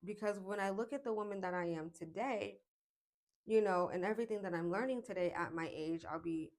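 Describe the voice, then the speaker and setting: A woman in her late twenties talking to camera in a casual self-help vlog, reflective and chatty, with frequent pauses and fillers. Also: medium pitch, vocal fry. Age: 20s. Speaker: vlogger.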